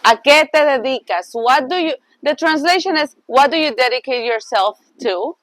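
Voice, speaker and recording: A woman teaching a Spanish class, switching between English and Spanish in a lively, laughing way. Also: high-pitched, moderate pace, dry recording, poor audio.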